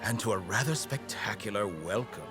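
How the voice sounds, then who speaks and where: A sinister scientist villain acted by a man speaks low with sweeping, theatrical swings. He is pompous and mocking, a smug game antagonist, with music playing clearly behind him. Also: animated, normal speed, lightly acted. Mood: smug, gloating. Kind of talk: video game voice acting.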